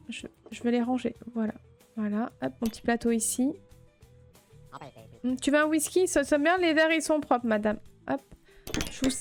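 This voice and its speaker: Woman streamer, high bright-pitched voice, playful running commentary with flustered yelps, quiet game music underneath. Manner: chatty, playful, teasing the game customers; flustered outbursts and shouting at chaos. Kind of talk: let's play commentary.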